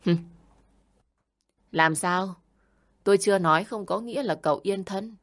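A woman doing a shrill, scolding older aunt. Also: unhurried, lightly acted. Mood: demanding. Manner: yelling, berating, harsh.

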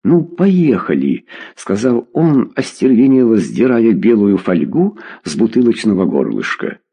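Low, husky male audiobook narrator. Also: animated, moderate pace, mellow.

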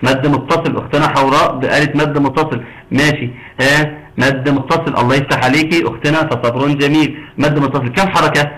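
This Egyptian-accented man speaks fast in a fairly high, steady, slightly bright voice while teaching Quran recitation online. He tests his students with questions and keeps encouraging them with pious expressions throughout this tajweed class, though the audio is poor.

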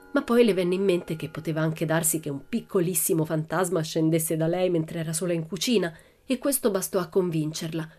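A woman reading a children's story aloud as an audiobook in a lively, expressive storytelling manner. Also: sits low. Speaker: audiobook reader.

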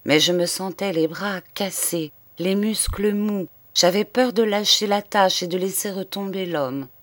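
A woman reading a literary short story aloud in a measured, grave storytelling manner. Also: mid-range voice, dry recording. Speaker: audiobook reader. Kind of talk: literary audiobook narration.

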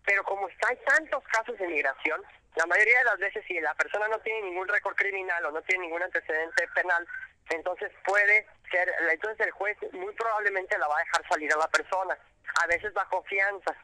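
Bright and forceful, the man's high-sitting voice comes through a low-quality recording with no echo. He is an immigration rights guest on the radio, answering questions about immigrant detention in halting, step-by-step explanations full of fillers and restarts.

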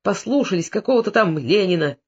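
A drunk, quarrelsome old Cossack, voiced by a man in a storybook, scolding loudly in a high, lively voice. The recording is dull and lo-fi. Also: fairly quick, breathy edge, exaggerated voice. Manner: scolding, shouting.

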